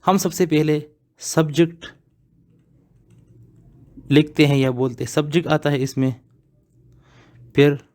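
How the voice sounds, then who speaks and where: A man's voice: medium pitch, darkish tone. A man teaching English grammar, explaining step by step and repeating example words one at a time. He asks his class questions and then answers them himself. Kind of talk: grammar lesson explained slowly.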